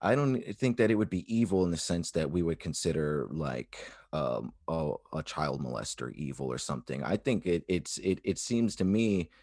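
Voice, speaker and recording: A man in casual philosophical discussion, speaking haltingly and tentatively as he searches for his words. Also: very deep voice, very animated, darkish tone, dry recording, clean studio sound.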